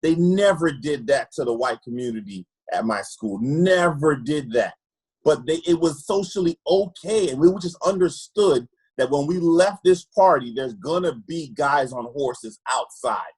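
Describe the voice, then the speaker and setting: A man's voice: on the high side, lively intonation, a little slow, darkish tone, slightly rough, poor audio. A man from Trinidad, an optometrist, telling candid personal stories in an earnest way and often repeating words as he searches for them. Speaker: optometrist guest.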